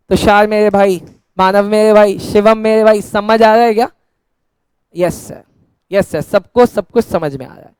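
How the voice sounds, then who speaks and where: A man's voice: sits high, a little mellow, clear, resonant tone, dry recording. A man teaching an accounts lesson in a classroom style, asking questions and answering them himself as if he were the students, with teasing, scolding banter. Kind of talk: classroom-style Hindi lecture.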